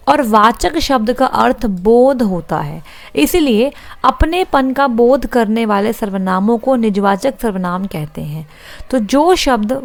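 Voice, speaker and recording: A woman's voice: on the high side, dry recording. A young woman teaching a grammar lesson for exam students, reading out example sentences and asking and answering her own questions. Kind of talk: online exam-prep lesson.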